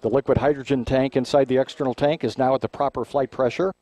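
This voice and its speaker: Guy doing formal rocket launch countdown commentary, measured announcer delivery, dry audio. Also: mid-range voice, steady tone, mellow, no room sound. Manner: measured, clearly announced, technical.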